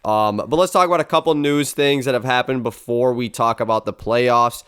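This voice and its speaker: A man's voice: medium pitch, normal speed, fairly bright tone, clean tone. A young man hosting a casual sports podcast, his voice stuffy and congested, chatty with plenty of filler words. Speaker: podcast host.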